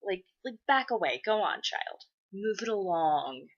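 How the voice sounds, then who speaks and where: A woman's voice: mid-range voice, sing-song, unhurried, dull audio. A woman voicing a cocky, centuries-old male angel who is exasperated and sarcastic with demons. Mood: dismissive.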